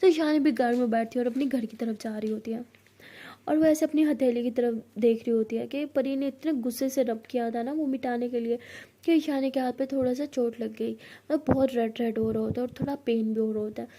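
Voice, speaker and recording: A woman's voice: on the high side, brisk. A woman casually retelling a love story as a narrator, with lots of filler words. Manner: lively, retelling with many fillers.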